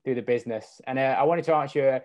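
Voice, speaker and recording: A man's voice: mid-range voice, fast talker, a little mellow. A man conducting a casual sports interview, chatty and given to long, rambling questions.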